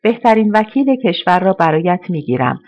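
A reader voicing a cold, threatening male crime boss who makes slow, intimidating threats, in a slightly dull recording. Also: medium pitch, big pitch swings, darkish tone. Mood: menacing.

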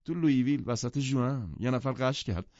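A man voicing a restless, moody young society woman who speaks in sharp complaints, in a storybook reading. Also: medium pitch, no echo, voice pushed up, natural voice. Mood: petulant. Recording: dull lo-fi audiobook sound.

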